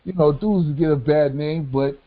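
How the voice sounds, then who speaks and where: A man's voice: a little high, normal speed. A middle-aged man co-hosting a podcast in casual chat, laid-back, repeating his phrases and saying yeah a lot. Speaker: podcast co-host. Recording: dull lo-fi sound.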